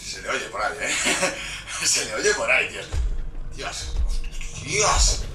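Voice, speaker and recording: A young man doing gameplay commentary, hyper and shouting with crude jokes. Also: medium pitch, big pitch swings, measured pace, distant mic. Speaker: gaming YouTuber. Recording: roomy, off-mic, game music behind.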